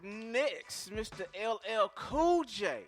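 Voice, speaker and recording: A man co-hosting a podcast in casual chat, joking and animated. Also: high voice, slow, faint music behind. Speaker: podcast co-host.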